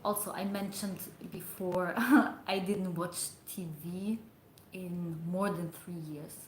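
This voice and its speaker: Slow, hesitant woman streamer in echoey room. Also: fairly low pitch, flat delivery, a little hiss or hum. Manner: rambling and hesitant, many fillers. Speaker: livestreamer. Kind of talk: casual livestream chat.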